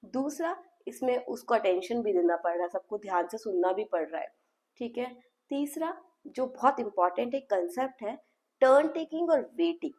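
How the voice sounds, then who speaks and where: A woman speech therapist speaks at an average pitch and explains to parents how a session runs. She slips phrases into her talk and acts out the back-and-forth of a session as she goes. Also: a little mellow.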